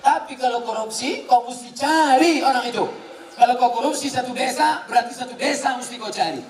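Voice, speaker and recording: High-voiced joking preacher in an echoey hall. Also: male voice, brisk, slight background noise. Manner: joking, teasing, swings from soft to shouted. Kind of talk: humorous sermon answering audience questions. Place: large hall with a live audience. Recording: echoey hall, distant, crowd laughter.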